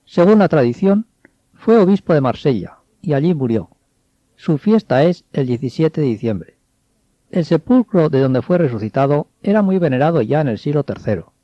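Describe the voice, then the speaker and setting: Comentarista, explicativo, pausado, voz algo aguda, grabación seca. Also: male voice, a little high, no room sound. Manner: explanatory, measured. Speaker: commentator. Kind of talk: scripted commentary. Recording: dull, dry studio sound.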